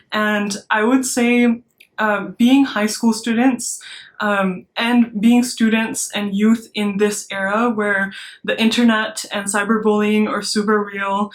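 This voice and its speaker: A young woman from Malaysia, a startup founder giving an earnest recorded talk to students, with many ums and restarts. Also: mid-range voice. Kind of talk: recorded motivational speech.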